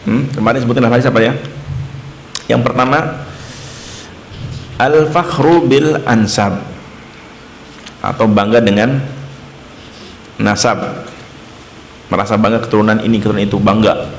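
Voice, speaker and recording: A man's voice: fairly low pitch, fairly even intonation, moderate pace, long pauses, a little hiss or hum. A man giving a casual Islamic study lecture in a mosque, putting rhetorical questions to his listeners. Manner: conversational, asks the audience rhetorical questions. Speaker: ustadz teaching a mosque study circle. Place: mosque hall. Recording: echoey mosque room, faint ambience.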